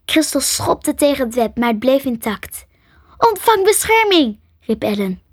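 A woman narrating a children's storybook in a soft, half-whispered voice. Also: fairly high pitch, normal speed, slightly rough, no echo, studio quality. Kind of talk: storybook reading.

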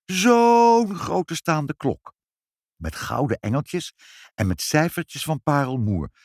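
Gushing storybook mother, high and swooping, as a male reader puts her on; dry recording. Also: sing-song, measured pace, no echo. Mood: longing. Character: mother, fussy and easily thrilled.

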